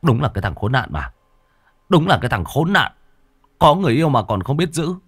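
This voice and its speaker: A man voicing a timid, soft-hearted young village man who stammers. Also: medium pitch, big pitch swings, brisk, breathy edge, pitched above the performer's own voice. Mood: indignant.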